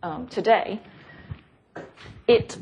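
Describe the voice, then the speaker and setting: A physics lecturer delivers an academic talk in a medium-pitched, creaky, darkish voice, speaking extremely slowly. She explains things in a thoughtful, professorial manner, hesitating and repeating phrases along the way. The lecture recording is noisy and has clicks.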